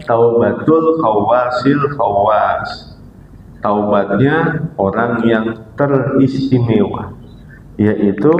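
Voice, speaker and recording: Slow, echoing Indonesian preacher. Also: male voice. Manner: slow repetitive teaching, chanted Arabic phrases then Indonesian explanation. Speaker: preacher teaching Quranic commentary. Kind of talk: sermon. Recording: echoey hall, muffled lo-fi sound with faint rumble.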